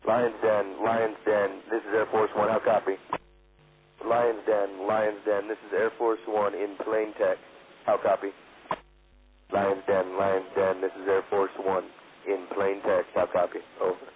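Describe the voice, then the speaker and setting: Flat low man over two-way radio. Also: unhurried. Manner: repetitive radio calling. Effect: over a two-way military radio. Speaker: aircraft radio operator. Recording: tinny radio transmission with static.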